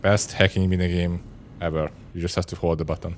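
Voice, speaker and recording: A man's voice: sits low, little pitch movement, a little fast, a little hiss or hum. A man streaming a video game, making wry, joking comments as he plays. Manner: joking, wry asides with laughs. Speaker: gaming streamer. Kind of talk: casual let's-play commentary. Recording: game music playing underneath.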